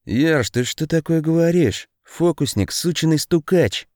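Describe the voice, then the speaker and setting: A man's voice: on the high side, expressive, measured pace, a little mellow, no echo, studio quality, voice pushed up. A man voicing a brash, scornful convict who sneers at a rival.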